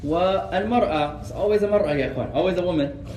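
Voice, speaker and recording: An earnest man from the United States teaches a religious lesson in a fairly high voice, repeating words for emphasis. He is picked up from a distance. The room around him rings with echo and a faint hum. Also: racing, a little mellow. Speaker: Islamic teacher.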